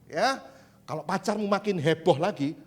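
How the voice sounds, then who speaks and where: A male pastor delivers a youth sermon with a high voice that carries through a large church hall. The long reverb trails after his words. He is animated and joking, and he mimics voices as he preaches. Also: fairly quick. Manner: lively, joking, acts out quoted voices.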